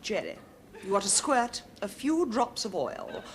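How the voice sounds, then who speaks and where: An actress playing a prim, pompous, fussy suburban wife, in the stiffly formal manner of a 1970s sitcom. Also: female voice, medium pitch, wildly swooping pitch, a little slow, slight background noise. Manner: stiffly formal, easily affronted.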